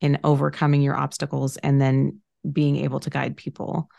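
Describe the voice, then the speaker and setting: A woman in her late thirties hosts a podcast in a low voice with a gravelly edge. She talks casually and affirmingly, drawing her phrases out with fillers. The recording is dry and close. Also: completely flat delivery, moderate pace, dark tone, no echo. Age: late 30s. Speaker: podcast host, financial planner. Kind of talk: casual conversation.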